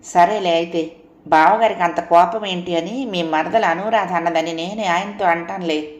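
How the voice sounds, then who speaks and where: A woman's voice: on the low side, moderate pace, reverberant, muffled recording, close to an everyday voice. A woman voicing a frank, lecturing housewife. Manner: firm, lecturing. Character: outspoken sister-in-law, frank housewife.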